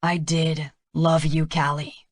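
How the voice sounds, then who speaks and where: A gruff, regretful man with a low, rough voice, as a woman narrator puts him on in an audiobook. He speaks slowly and quietly. The sound is dry. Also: flat delivery, dry recording.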